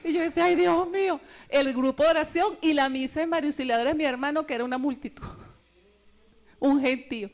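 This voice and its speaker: Woman, high voice, retreat testimony, lively storytelling. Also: fast talker. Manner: animated storytelling, acting out quoted voices. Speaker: retreat speaker. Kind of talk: personal testimony in a retreat talk.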